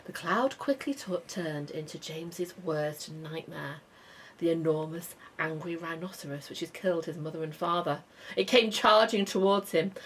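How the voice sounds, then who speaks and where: A woman reading a children's story aloud in an expressive way, going soft and hushed at calm moments. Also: fairly low pitch, slight background noise. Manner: expressive, softening to near whisper at calm moments.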